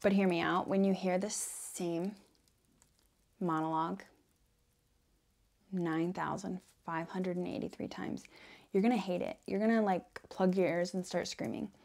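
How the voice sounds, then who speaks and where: A woman playing a quirky female devil in an ASMR role-play, talking in a playful, deadpan ramble with frequent self-interruptions. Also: lowish voice, a little slow, vocal fry, pauses often. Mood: teasing, smug. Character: quirky female devil welcoming a newcomer to hell.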